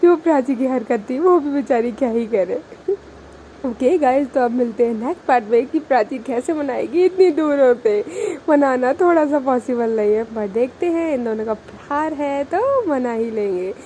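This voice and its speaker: Woman storyteller, high pitch, mellow tone, chatty, informal. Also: animated, moderate pace, a little hiss or hum, rough recording. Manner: chatty, informal, many fillers like "like". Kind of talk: casual story narration mixing Hindi and English.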